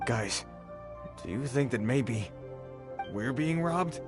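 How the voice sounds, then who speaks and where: A swaggering bandit leader from a video game,, who talks big. His mid-pitched voice moves up and down with lively emphasis. He is quick to turn nervously polite. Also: over music. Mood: worried. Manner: cocky, then nervously polite. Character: brash male bandit leader, turns servile.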